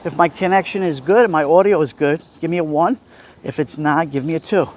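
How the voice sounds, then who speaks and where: Talking a little fast in a higher-pitched, darkish voice, a Brooklyn Italian-American man hosts a livestream while walking a city street. He chats casually and replies to viewers, with outdoor street noise and passing vehicles behind him.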